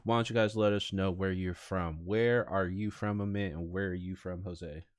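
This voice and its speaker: A young man hosts a casual podcast with a Bay Area accent. His voice sits low and sounds clean and smooth. He talks like a laid-back bro, full of slang. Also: fairly even intonation, moderate pace. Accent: Californian, Bay Area. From San Francisco Bay Area, California. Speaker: podcast host. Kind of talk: casual live podcast chat.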